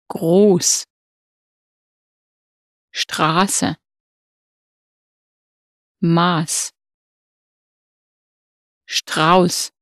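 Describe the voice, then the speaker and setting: A woman as a language teacher reading a pronunciation drill word by word, with slow, precise, deliberate articulation. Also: fairly low pitch, no echo, studio quality.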